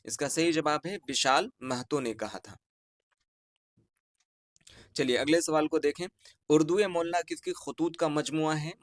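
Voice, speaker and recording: A man with an Urdu-inflected accent from Bihar works through an exam answer key in an online lesson. He reads each question and its options at a measured pace, then says the answer twice. His voice sits in a middle pitch and sounds dry and close. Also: no room sound. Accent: Urdu-inflected Hindustani, Bihar. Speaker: teacher going over exam answers.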